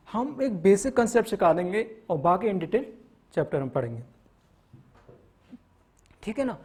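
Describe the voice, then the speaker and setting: A high-pitched man with a darkish tone teaches maths in a classroom lecture. Frequently checking in with "theek hai na" and mixing in English terms, he lists topics and works through them step by step.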